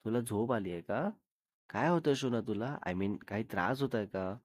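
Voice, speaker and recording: A man's voice: on the low side, animated, normal speed, dry recording, studio quality. A man voicing a caring but bossy young girlfriend, fussing and scolding in a storybook drama.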